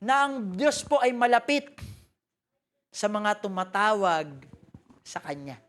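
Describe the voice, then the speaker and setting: A Filipino-accented woman preaching a lively, joking sermon and reading English scripture. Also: mid-range voice, takes it slowly.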